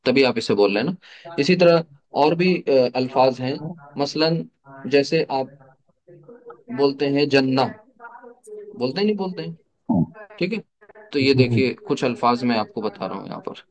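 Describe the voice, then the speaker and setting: A man's voice: medium pitch, animated, a little slow, pauses often. A man teaching an online class, explaining step by step, asking rhetorical questions and mixing English terms into his explanations. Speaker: Arabic teacher.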